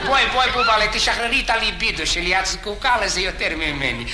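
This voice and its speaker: Man playing a bragging womanizer, high lively voice, rapid chatter, shouty, echoey archive recording, music behind. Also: a little hiss or hum. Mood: boastful. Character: boastful male womanizer bragging on the phone. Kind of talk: comic sketch.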